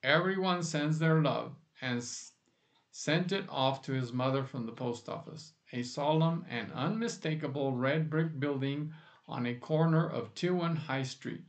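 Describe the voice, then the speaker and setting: A man reading a novel aloud in a slow, measured way. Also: mid-range voice. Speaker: narrator.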